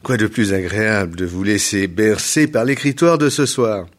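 A man hosting a read-aloud story program and narrating a folktale in a measured, expressive way. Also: fairly low pitch. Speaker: storyteller host.

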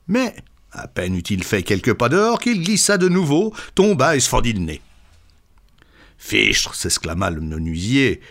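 A man reading short absurdist stories aloud with expressive, lively storytelling. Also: medium pitch. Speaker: reader.

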